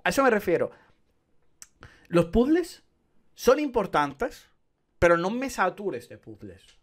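A man's voice: high voice, wildly swooping pitch, takes it slowly. A young man from Spain with a Spanish accent, giving sarcastic, slangy let's play commentary full of swearing. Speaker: gaming youtuber.

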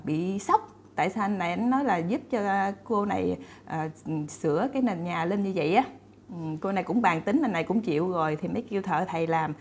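A woman's voice: lowish voice, creaky, a little mellow, a little hiss or hum. A woman retelling a story to her viewers in a chatty, casual way, full of fillers and repeated words. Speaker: storyteller host.

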